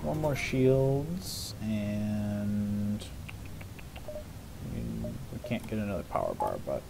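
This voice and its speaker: A man's voice: on the low side, big pitch swings, slow, vocal fry, noisy background. A young man giving casual, sweary live commentary as he streams a game, often muttering to himself. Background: video game music.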